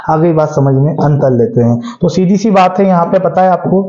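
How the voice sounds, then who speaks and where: A man's voice: a little high, lively intonation, moderate pace, warm tone, echoey room, highs cut off. A man in his forties teaching an exam-prep math lesson, asking the class questions and answering them himself. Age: 40s.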